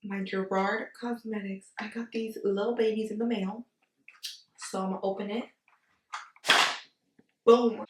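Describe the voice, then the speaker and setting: A woman's voice: mid-range voice, flat delivery, unhurried, long pauses, background noise. A woman chatting through a casual makeup tutorial, giggly and tipsy, playful, slangy and exclamatory. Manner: giggly, tipsy drunk talk. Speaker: beauty vlogger. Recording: echoey room, distant from mic.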